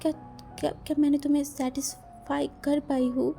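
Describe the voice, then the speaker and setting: An apologetic, devoted young husband who stumbles over repeated words, as a woman reader puts him on. The voice is high with a warm, mellow tone. Faint music runs behind the storybook reading. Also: little pitch movement, moderate pace, gravelly. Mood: tender. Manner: stuttering, pleading.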